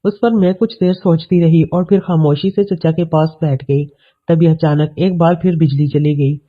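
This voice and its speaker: Guy narrating a story, steady even read, kinda high voice, phone-like tinny audio.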